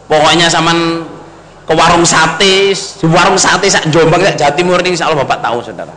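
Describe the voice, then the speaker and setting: A man's voice: fairly high pitch, a little fast, sharp tone. A middle-aged man, preaching a storytelling sermon to his congregation and calling them brothers and sisters. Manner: addresses the congregation as brothers and sisters, mixes in Javanese. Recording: long hall reverb, faint noise.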